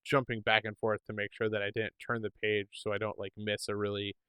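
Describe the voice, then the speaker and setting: Smooth-voiced man chatting casually. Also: lowish voice, level tone, fairly quick, pushed and bright, no echo, rough recording. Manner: rambling with many fillers and restarts. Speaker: podcast co-host. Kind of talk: casual chat.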